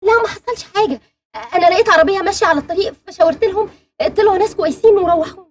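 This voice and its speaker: An actress playing a frightened young woman who pleads and explains herself in a rushed, tearful way, with an Egyptian accent. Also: extremely high pitch. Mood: anxious confession.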